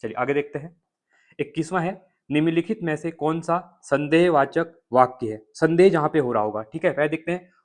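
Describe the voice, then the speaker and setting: Uttarakhand hindi guy, exam coach going through questions one by one, kinda high voice, keeps asking if it's clear. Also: a little fast. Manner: explains answers step by step, repeating checks with listeners.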